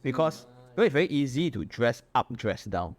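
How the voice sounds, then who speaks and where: A man's voice: mid-range voice, very animated, brisk. A man with a Malaysian accent chatting casually as a guest, in colloquial Singlish-style English peppered with particles like lah and leh. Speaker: interview guest, YouTuber and watch collector. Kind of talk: casual chat.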